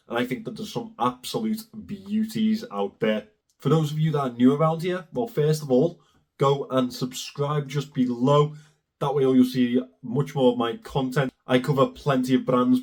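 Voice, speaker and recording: A man hosting a video review, hoarse from a cold, addressing viewers directly in a salesy, prepared way. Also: mid-range voice. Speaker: YouTube watch reviewer and host. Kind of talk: scripted-sounding product review to camera.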